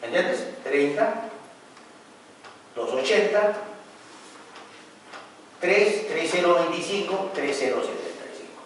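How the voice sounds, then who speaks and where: Animated lecturing man in an echoey hall. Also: high voice, slow, long pauses. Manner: animated storyteller, acts out quarrels. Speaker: construction instructor. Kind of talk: lecture with anecdote. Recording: echoey hall from far off, faint noise.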